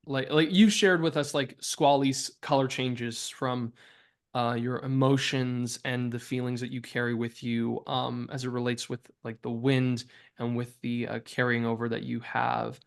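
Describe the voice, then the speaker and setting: A man's voice: mid-range voice, vocal fry. A man narrating as game master for a tabletop game, hesitant and full of fillers. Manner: hesitant, many ums and uhs, laughs easily.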